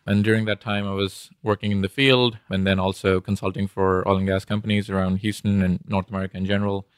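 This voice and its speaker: A man with an Indian accent speaks as an interview guest, explaining in an informal way. His voice is low and keeps to a fairly flat line, recorded dry and close. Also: quick pace, dry recording. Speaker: interview guest, tech startup founder.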